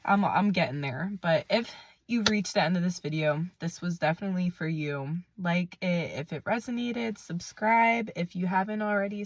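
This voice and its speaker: Soft-spoken woman with a cold-roughened voice. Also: fairly low pitch, noisy background. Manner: gentle, affirming, laughs often, many fillers. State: voice a bit rough from illness. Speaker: spiritual card reader. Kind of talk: channeled collective reading to camera.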